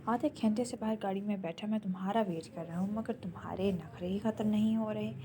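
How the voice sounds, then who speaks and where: A woman reading an audio novel, voicing a hot-tempered, jealous young man who shouts his demands. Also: mid-range voice, noisy background, lightly acted. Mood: angry.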